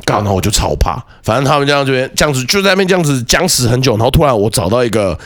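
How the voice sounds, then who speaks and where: A man tells a story from his childhood in a casual podcast chat. His delivery is quick and animated, and his pitch rises and falls widely. He often repeats words and restarts his sentences.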